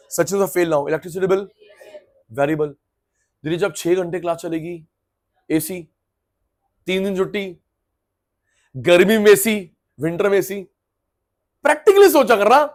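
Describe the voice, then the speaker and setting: A middle-aged man giving a lively, chatty classroom economics lecture, acting out students through everyday examples. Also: high-pitched. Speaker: economics teacher.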